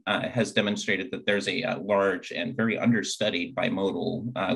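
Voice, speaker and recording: Young male presenter, deep and gravelly, a bit husky; halting delivery with lots of fillers, explains jargon simply. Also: a bit bright, poor audio. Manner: halting, many filler sounds; explains terms plainly for a lay audience. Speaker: geology student presenting his mapping research. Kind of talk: recorded slide presentation.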